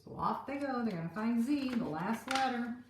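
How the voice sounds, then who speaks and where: A woman teacher reading a picture book to young children in a gentle, encouraging way. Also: on the high side, animated, normal speed, distant mic, noisy background. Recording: roomy echo.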